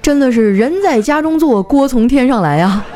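A chatty young woman with a lively, mellow voice. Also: high voice, moderate pace, soft background music. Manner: chatty, laughing as she talks. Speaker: comedy podcast host. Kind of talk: comic storytelling monologue.

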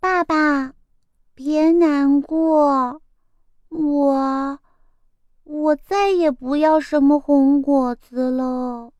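A woman's voice: very high voice, expressive, slow pace, fairly bright tone, dry recording, lo-fi sound, voice pushed up, full character voice. A woman voicing a spoiled, whiny little egg girl in a children's storybook reading, pleading in a childish way. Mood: sweet.

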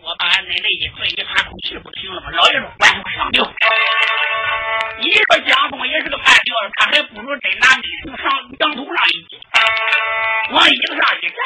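Traditional storyteller, high sing-song shouting, loud string music behind. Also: sing-song, quick pace, poor audio. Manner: half-sung, half-shouted delivery. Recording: loud instrumental accompaniment behind the voice.

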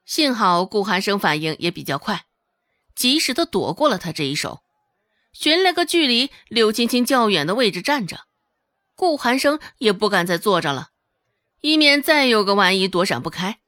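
A woman narrating a serialized novel in an expressive storytelling manner. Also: medium pitch, normal speed, no room sound. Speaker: audiobook narrator.

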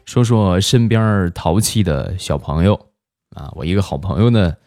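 A man narrating funny stories in a wry, deadpan way. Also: deep voice, normal speed, faint music behind. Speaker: comic storyteller. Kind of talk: scripted comic narration.

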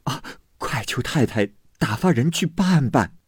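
A man reading aloud voices a flustered old female servant who talks in a frantic, high, wailing way. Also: animated, unhurried, husky, no room sound, studio quality. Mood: panicked.

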